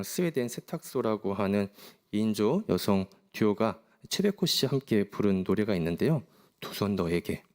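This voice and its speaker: A middle-aged man from South Korea, a pastor preaching a sermon in a gentle, reflective storytelling manner. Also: fairly low pitch.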